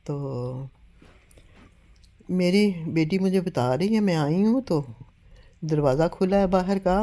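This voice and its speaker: A woman's voice: fairly low pitch, mellow. An older woman telling a story at home to a phone camera, earnest and a little weak from illness, often urging listeners to believe her. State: weak and unwell. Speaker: home vlogger.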